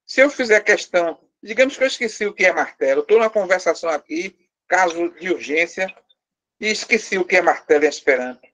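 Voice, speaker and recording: A man's voice: sits high, animated, brisk, a bit bright. Brazilian man teaching a class. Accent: Brazilian Portuguese. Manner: explains step by step, quizzing students with questions; lightly teasing, joking with the class. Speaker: language teacher. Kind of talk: live class lesson.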